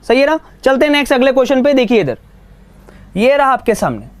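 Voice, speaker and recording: A man teaching reasoning in a live exam-prep class, brisk and coaxing, mixing Hindi with English. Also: very high voice, very animated.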